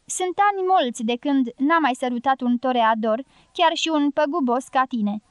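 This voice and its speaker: A woman's voice: high-pitched, clean tone, no echo, clean studio sound, close to an everyday voice. A woman reading the part of a blunt, teasing older guerrilla woman with a strong voice in a storybook reading. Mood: bold teasing. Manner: teasing, forceful.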